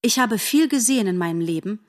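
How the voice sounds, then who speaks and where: A woman's voice: medium pitch, lively intonation, darkish tone, big-room sound, lightly acted. A woman doing a wise older animal aunt. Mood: thoughtful. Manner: measured, thoughtful. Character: experienced older female forest animal, an aunt. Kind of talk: audiobook reading.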